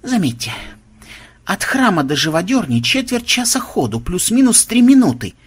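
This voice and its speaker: A man's voice: high-pitched, big pitch swings, moderate pace, husky, pitched above the performer's own voice, exaggerated voice. A man voicing a stern, shrewd male investigator with a sly, probing manner.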